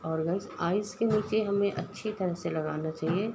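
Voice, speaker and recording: Woman makeup artist, Indian Hindi accent, lowish voice, explanatory tutorial read, noisy track. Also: moderate pace. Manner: explanatory, addresses viewers as guys. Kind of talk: step-by-step makeup tutorial voice-over.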